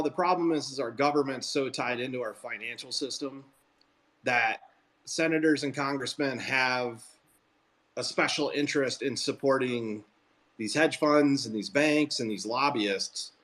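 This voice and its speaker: A man's voice: mid-range voice, a little slow, a bit bright. Rambling man hosting a group call. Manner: rambling, self-interrupting, opinionated. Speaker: host of a Twitter Spaces call. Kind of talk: casual group call chat.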